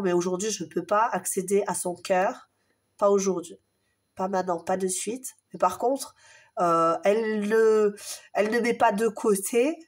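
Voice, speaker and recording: Woman, tarot reader, warm and encouraging, chatty with fillers, slightly strained voice, mid-pitched. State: voice a bit strained. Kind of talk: casual tarot reading addressed to the viewer.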